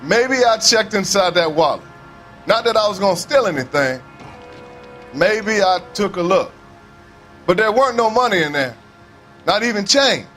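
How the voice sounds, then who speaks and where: 1940s american railway man in a game, folksy, colloquial, a bit high pitched. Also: expressive, normal speed, long pauses, fairly bright tone, soft background music. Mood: defensive. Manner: folksy, colloquial, plain-spoken. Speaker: railway worker, witness. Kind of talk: video game police drama acting.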